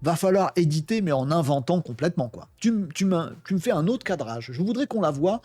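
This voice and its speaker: A man with a slightly high voice talks his way through a casual screen demo, filling pauses with hesitations and quips to himself. The sound is close and dry, with no room around it. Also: lively intonation, a little mellow, no room sound. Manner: chatty, thinks aloud, many fillers and self-talk. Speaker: tech video host.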